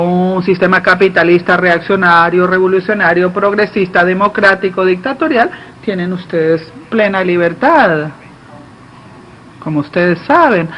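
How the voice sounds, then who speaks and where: A man giving live simultaneous interpretation of a political speech, delivered haltingly, phrase by phrase. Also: high voice. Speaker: conference interpreter. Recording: dull lo-fi feed, faint background noise.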